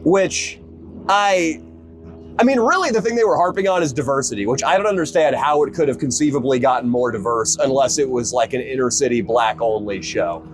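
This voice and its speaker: A man, a stand-up comedian, chatting casually while fishing outdoors, with a deadpan, sarcastic delivery. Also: medium pitch, a little fast, a little hiss or hum. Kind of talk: casual chat.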